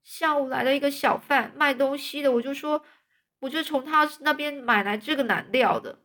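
A dramatic, talkative orphan girl, put on by a woman in a storybook reading, her voice pitched high and emotional. She pleads and tumbles through long runs of words. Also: normal speed, a bit bright. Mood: chatty.

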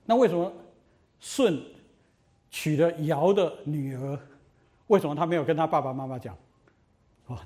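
Old anecdotes, peppered with lively asides, come from a middle-aged lecturer whose voice is mellow and a bit high. He storytells with animation and repeatedly asks his students rhetorical questions.

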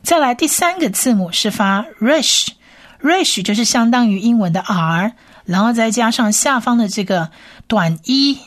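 Slow, patient woman teaching Hebrew. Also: fairly high pitch, animated. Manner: patient, spells out sounds and repeats each word. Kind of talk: slow reading lesson with repetition.

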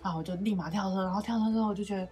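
A young woman co-hosting a casual chat, retelling a story with animated, swearing quotes. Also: mid-range voice, very fast, husky, soft background music. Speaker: podcast co-host.

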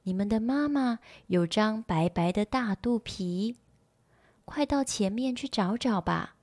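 A woman as a calm kindly mother turtle. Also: fairly high pitch, measured pace, no echo.

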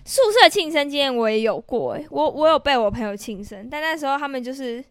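A woman's voice: high voice, lively intonation, fast, dry recording, clean studio sound. A young woman with a Taiwanese Mandarin accent, co-hosting a podcast with teasing, reactive interjections in casual chat. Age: young adult. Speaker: podcast co-host.

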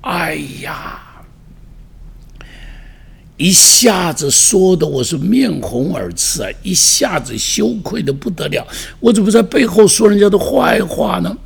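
Male pastor, storytelling devotional talk; gravelly, husky tone, lively and self-mocking delivery. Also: high-pitched, moderate pace, few pauses.

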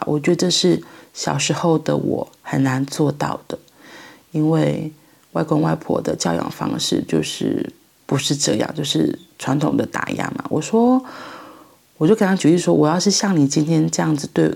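Gravelly, husky Taiwanese-accented woman. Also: low-pitched, darkish tone. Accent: Taiwanese Mandarin. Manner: halting, thoughtful, pauses mid-phrase. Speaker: mother sharing parenting reflections. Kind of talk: reflective personal monologue.

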